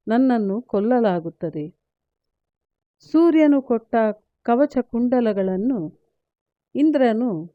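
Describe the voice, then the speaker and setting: A woman's voice: on the high side, no echo. A woman reading a solemn grieving warrior son. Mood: sorrowful. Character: grieving noble male warrior son, resolute. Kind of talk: read-aloud epic storytelling. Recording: tinny phone-like, dry.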